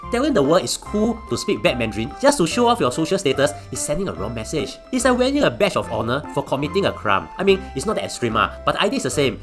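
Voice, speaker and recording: Singaporean male explainer host, Singlish-flavoured, quick delivery over background music. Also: on the high side. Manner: Singlish particles such as lah at sentence ends. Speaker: video host. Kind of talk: scripted explainer narration to viewers.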